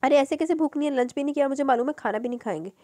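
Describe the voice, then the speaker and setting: Casting: woman reader as a devoted, bossy daughter, bright-pitched, dry sound. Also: very fast, no room sound, lightly acted. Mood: eager. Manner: eager, fussing, insistent. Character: cheerful, devoted young daughter, strong-willed.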